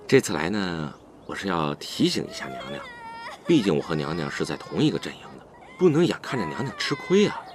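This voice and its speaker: An actor playing a flustered, whiny young prince in a costume drama. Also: male voice, low-pitched, big pitch swings, fairly quick, noisy background. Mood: earnest.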